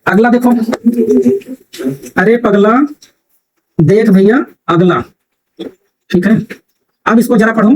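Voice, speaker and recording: A man's voice: high-pitched, takes it slowly, long pauses, low-quality recording. A male teacher giving a grammar lesson to a classroom, constantly asking his students rhetorical questions.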